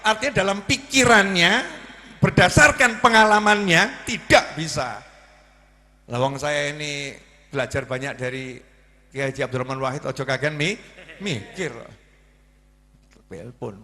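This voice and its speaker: A man's voice: on the high side, a little slow, long pauses. Man, Javanese accent, preacher, humorous sermon, acts out dialogue, long reverb of a large hall. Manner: lively storytelling, acting out dialogue. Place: religious gathering hall.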